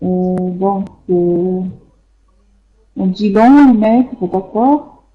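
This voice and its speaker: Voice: medium pitch, extremely slow, phone-quality sound, faint music behind. A French teacher with Arabic as a first language, correcting students' sentences in an online class, hesitant with many fillers and patient repetition. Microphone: computer microphone in an online class.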